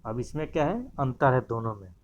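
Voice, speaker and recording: A man gives a grammar lesson at a middle pitch, explaining each point step by step. He keeps pointing his listeners to the examples in front of them. The recording sounds a little dull and lo-fi. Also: animated, fairly quick, slight background noise. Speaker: teacher.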